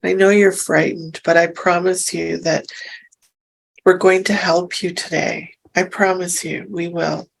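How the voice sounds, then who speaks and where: A woman leading a hypnosis session, speaking softly and reassuringly as she gently asks questions. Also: on the low side, little pitch movement, vocal fry, low-quality recording. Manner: soft, slow and soothing, reassuring. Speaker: hypnosis practitioner.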